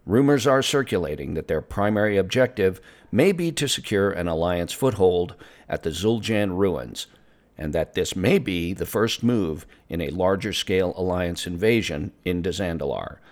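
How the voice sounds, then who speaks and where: A man's voice: deep voice, animated, moderate pace. A man playing an earnest, friendly news host in a scripted fantasy radio broadcast.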